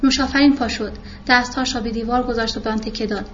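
Woman narrating a novel, kinda high voice, faint hiss in the background. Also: fairly even intonation, dull audio. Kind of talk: reading a novel aloud.

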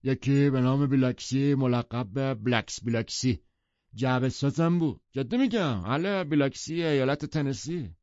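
Give me a man playing an irritable wealthy man in a story reading, curt and scornful, higher and louder than a plain voice. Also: no echo, lightly acted. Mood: irritated. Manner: blunt, scornful retorts. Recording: dull lo-fi audiobook sound.

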